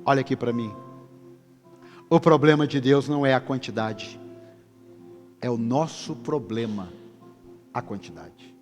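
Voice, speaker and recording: A man's voice: mid-range voice, measured pace, long pauses. A man with a Brazilian Portuguese accent preaching a sermon, emphatic and firing rhetorical questions at his congregation. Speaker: pastor. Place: large church hall. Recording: reverberant church hall with soft music.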